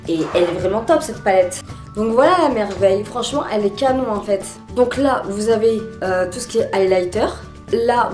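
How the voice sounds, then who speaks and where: A woman's voice: a little high, darkish tone, roomy sound. A woman chatting casually in a beauty haul video, full of fillers and restarts. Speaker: beauty vlogger.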